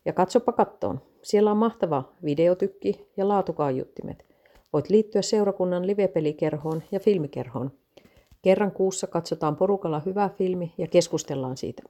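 A woman's voice: on the low side, warm tone. A woman reading as an eager male vicar. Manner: eager, salesy, enthusiastic listing. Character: cheerful male vicar showing off parish clubs. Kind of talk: read-aloud story dialogue.

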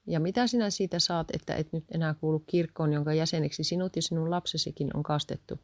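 A woman reading aloud and voicing a patient wife who calmly reasons and adds up sums. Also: low-pitched, no echo. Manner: calm, persistent, counting sums aloud.

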